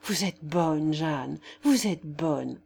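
A woman reading a novel aloud voices a gentle, remorseful young nobleman who speaks in a measured, formal way. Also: mid-range voice, lively intonation, close to an everyday voice. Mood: tender. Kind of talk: audiobook character voice.

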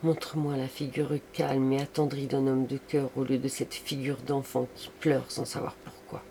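A resolute, tender woman calmly ends a love affair, read by a man in his plain voice. The delivery is grave and measured, at a middle pitch, like an audiobook. A faint hiss sits under the voice. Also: creaky, natural voice. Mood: firm, tender. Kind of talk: audiobook reading.

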